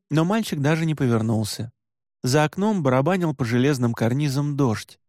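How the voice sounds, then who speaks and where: A man narrating a novel in a measured, even storytelling voice. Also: mid-range voice, no room sound, studio quality. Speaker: audiobook narrator. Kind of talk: scripted narration.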